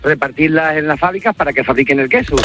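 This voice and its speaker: Higher-voiced caller who collects milk. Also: male voice, fast talker. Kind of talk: phone-in call.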